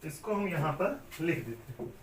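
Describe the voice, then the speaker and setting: This man's voice runs a little high with big swings in pitch at a normal speed, as he lectures a class on Hindi grammar. He poses questions, answers them himself and goes step by step, repeating each one. Captured from a distant mic in an echoey room, the clip carries slight background noise.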